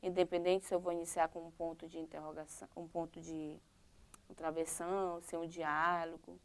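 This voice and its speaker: A woman's voice: lowish voice, little pitch movement, a little fast. A woman teacher with a Brazilian Portuguese accent, explaining a primary-school lesson step by step and checking in with "tá?" and "ok?".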